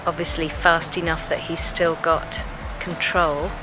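Middle-aged woman, cheerful vlog narrator, slow unhurried pace, music bed under her. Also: sits low, flat delivery, rough recording. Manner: cheerful, chatty, laughs often. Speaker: sailing vlog co-host. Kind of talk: casual vlog narration and chat. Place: outdoors on a sailboat in a marina.

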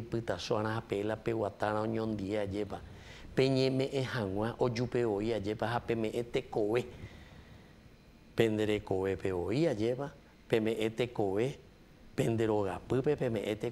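Paraguayan priest, man, homily delivery, rough low voice, mixes in Guaraní, builds to loud emphatic peaks. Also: a little hiss or hum. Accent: Paraguayan Spanish. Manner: switches into Guaraní phrases; repetitive, emphatic preaching with sudden loud rises. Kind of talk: sermon.

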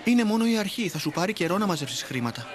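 A man's voice: sits high, very animated. A man dubbing a friendly, reassuring young man in a TV drama. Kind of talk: dubbed teen TV drama. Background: faint background score.

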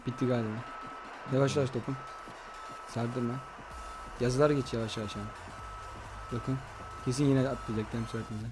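A male gaming host talks casually with a friend during a let's-play, issuing bossy instructions and complaints. His medium-pitched voice is steady and brisk but broken by long pauses, with music in the background.

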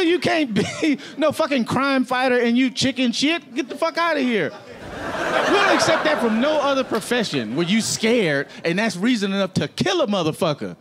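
On a comedy club stage, a young man performs stand-up into a handheld mic, loud and animated, swearing freely in a very high-pitched voice.

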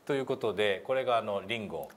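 In a meeting room, a pronunciation teacher in middle age shows off an app, talking fast in an expressive voice on the low side. He is polite throughout, asking courteous questions, though his explanations are full of hesitations.

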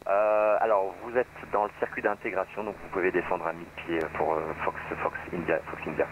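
A man's voice: deep voice, little pitch movement, a little fast. A man giving procedural air traffic control instructions over the radio. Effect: radio filter. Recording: dull radio channel, clear noise.

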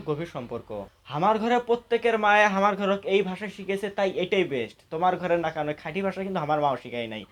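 Guy debating, blunt and folksy, talks fast, voice a bit high. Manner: folksy and blunt, arguing for dialect. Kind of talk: debate speech.

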